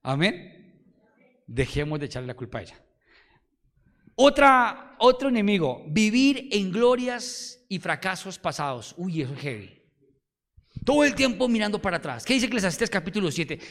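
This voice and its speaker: A middle-aged man with a Colombian accent, preaching a sermon in an emphatic, animated way and firing rhetorical questions at the congregation. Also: high voice, moderate pace, creaky. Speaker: pastor. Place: church hall. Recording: long hall reverb.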